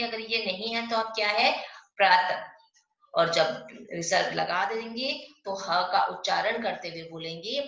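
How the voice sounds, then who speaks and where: A woman teaching an online Hindi class to young pupils. She explains step by step, asks questions and answers them herself, and slows down to stress the sounds of example words. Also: medium pitch, sharp tone. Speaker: primary school Hindi teacher. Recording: echoey, dull lo-fi room sound.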